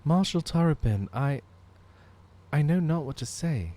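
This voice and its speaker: A man's voice: fairly high pitch, expressive, unhurried, dark tone, pitched above the performer's own voice. Man doing an earnest young noble.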